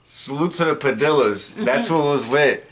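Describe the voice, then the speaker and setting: A man's voice: mid-range voice, normal speed, fairly bright tone. A man in his thirties interviewing his mother in a loose, joking, profane way. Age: 30s. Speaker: interviewer, son of the guest. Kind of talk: casual family interview.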